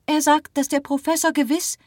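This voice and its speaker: A woman doing an eager, high-voiced young woman. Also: flat delivery, moderate pace, dry recording, studio quality, natural voice. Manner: eager and pleading. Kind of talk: audiobook reading.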